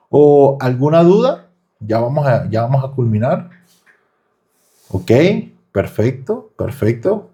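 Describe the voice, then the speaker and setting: A man's voice: mid-range voice, mellow. A man teaching a live online trading class, who keeps firing rhetorical questions at his students. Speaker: trading instructor.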